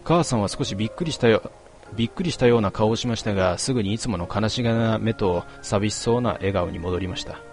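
A man narrates a first-person story in a steady, quiet voice. His reading is measured and melancholy, set in a fairly low register. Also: faint music behind.

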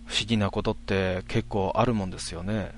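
A man telling a ghost story in a hushed voice, with drawn-out words and dramatic pauses. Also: lowish voice, steady tone, slight background noise.

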